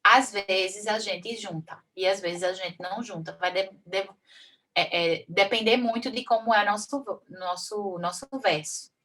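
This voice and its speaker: A woman from Brazil teaches a workshop on folk verse, explaining step by step in a bright, forward voice. Her pitch sits mid-range for a woman. She recites example lines slowly and with a steady beat, and she often tags her sentences with a quick "né". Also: recorded from a distance. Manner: frequent "né" tags and small restarts. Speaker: cordel poet and workshop teacher. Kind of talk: online workshop lesson.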